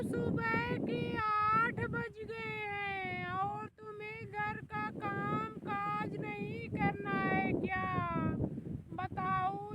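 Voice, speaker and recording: A woman playing a shrill nagging old mother-in-law. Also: full character voice. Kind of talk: comic short-film acting. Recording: loud background noise.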